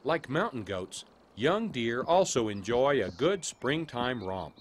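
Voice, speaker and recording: Lively male nature documentary narrator. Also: mid-range voice, slow, a little hiss or hum.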